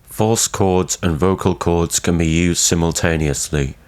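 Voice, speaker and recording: A man narrating a scripted vocal tutorial in a formal, measured, explanatory way. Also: sits low, steady tone, darkish tone, smooth. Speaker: growling tutorial instructor.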